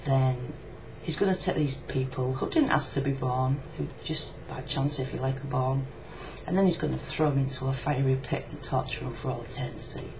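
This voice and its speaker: With a bass voice at normal speed and hardly any pauses, a Yorkshire video blogger speaks casually, frankly and reflectively in a personal video reply. The indoor recording comes from a webcam, sounding muffled and lo-fi with clear background noise.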